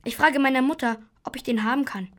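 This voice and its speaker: A woman's voice: high voice, a little fast, a bit bright. A woman voicing a stubborn, kind-hearted young boy in a children's radio play who speaks insistently and repeats himself. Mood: excited.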